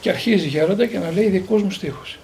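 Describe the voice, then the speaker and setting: A man in his sixties from Greece, a priest and theologian, recounting personal memories as a lively storyteller who quotes others and often repeats words. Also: high voice, slight background noise.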